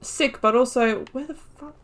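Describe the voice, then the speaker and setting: Hosting a game playthrough, a woman speaks in a high-pitched voice at a measured pace. Her let's play commentary is casual, with swearing and dialogue options read aloud.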